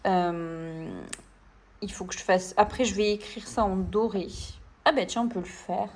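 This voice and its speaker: A woman from France chatting casually to her viewers as she colors, relaxed and full of little fillers and self-talk. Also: medium pitch, unhurried, slight background noise. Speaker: coloring channel host. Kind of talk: casual chat while coloring.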